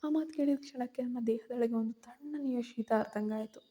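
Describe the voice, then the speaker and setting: Female storyteller, tense and fearful first-person narration, soft dark tone. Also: fairly high pitch, fairly quick.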